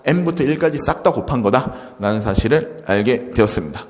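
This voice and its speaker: A man teaching a high school math lesson in a lively way, asking and answering his own questions as he goes. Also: moderate pace, big-room sound. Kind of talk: classroom math lecture.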